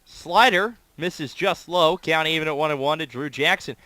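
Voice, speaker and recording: A man's voice: on the high side, moderate pace, sharp tone, dry recording. A man doing live baseball play-by-play commentary as the announcer, in clipped phrases, stretching words on big plays.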